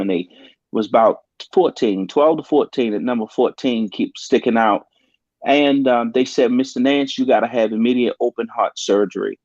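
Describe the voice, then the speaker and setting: A pastor recounts a personal story in an earnest, halting way, stopping often on ums. His voice sits low. The sound is dull and dry, like a lo-fi talk-show recording. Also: darkish tone, no room sound.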